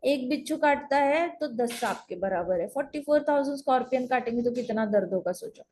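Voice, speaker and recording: A woman with a high voice teaches a spiritual lesson over an online call from home. She talks in a chatty, loose way, repeats phrases for emphasis and drops in English words. There is a faint hiss of noise behind her. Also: lively intonation, a little fast, a little mellow. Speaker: spiritual teacher telling scripture stories.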